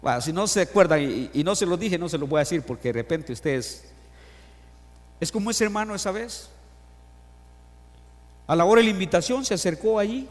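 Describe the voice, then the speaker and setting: A man's voice: sits high, lively intonation, brisk, pauses often. A middle-aged man preaching a sermon to his congregation. He acts out Bible quotes and stories and asks the listeners questions. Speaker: pastor. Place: church sanctuary. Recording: long church hall reverb.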